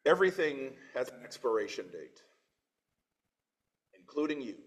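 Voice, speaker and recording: A man's voice: medium pitch, very animated, moderate pace, husky. A man in his forties from Trinidad, preaching a sermon in church, reading scripture with swelling emphasis and dropping into plain conversational asides. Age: 40s.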